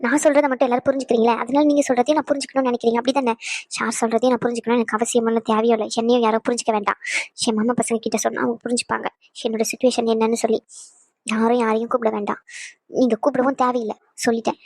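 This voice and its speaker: A woman voicing a stubborn, angry young pregnant wife in a cartoon, sharp and defiant. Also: fairly high pitch, flat delivery, no room sound, studio quality. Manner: sharp, defiant, rapid retorts.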